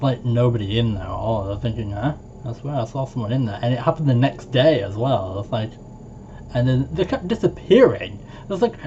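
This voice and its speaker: A man telling stories in a casual, rambling vlog monologue, full of fillers, with jumps into a much higher voice when he quotes people. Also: warm tone. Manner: rambling, heavy on fillers like "like" and "it's where". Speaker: storytime vlogger. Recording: dull lo-fi home recording with faint noise.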